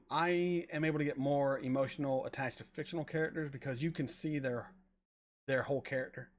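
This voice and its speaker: A man in his forties chatting casually on a live stream, answering viewers and often stumbling over repeated words. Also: medium pitch. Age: 40s. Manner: rambling, halting with repeated words. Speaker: reaction channel host reading chat.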